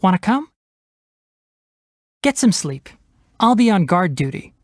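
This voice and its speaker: These are voice lines for a young, fox-eared forest ranger in a video game, delivered calmly and matter-of-factly with a highly animated melody. He's precise and bookish with a wry edge, and he speaks unhurriedly. The recording is dry, with no room sound at all.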